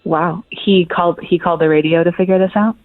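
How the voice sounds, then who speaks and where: A woman's voice: lowish voice, fairly even intonation, brisk, no room sound. Woman on a tinny phone line. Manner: hesitant, guarded. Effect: heard over a phone line on speakerphone. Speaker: radio call recipient.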